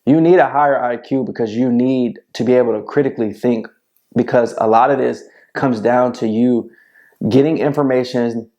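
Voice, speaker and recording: A man in his thirties delivers a direct-to-camera motivational talk, speaking into a lapel mic in a small room. His voice sits at a medium pitch with a gravelly, fry-laced edge. He talks in a preachy, repetitive way, often tossing in "bro". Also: dark tone. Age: 30s. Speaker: men's self-help video host. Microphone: lapel mic clipped to shirt.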